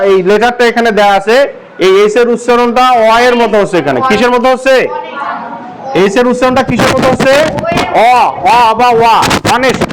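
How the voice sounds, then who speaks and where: A man's voice: very high voice, rough recording. A male English teacher from Bangladesh giving a classroom grammar lesson, asking the class the same question again and again. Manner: drills the class with repeated questions.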